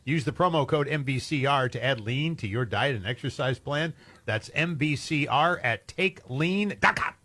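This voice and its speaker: A man co-hosting a radio talk show, tossing in wry, quick asides. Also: medium pitch, animated, sharp tone. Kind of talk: casual studio banter and ad reads.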